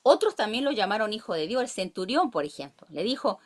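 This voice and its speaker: A Chilean woman teaches a church Bible study in a lively, swooping voice. Her pitch sits in a middle range. She reads verses aloud and keeps asking her listeners questions. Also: brisk.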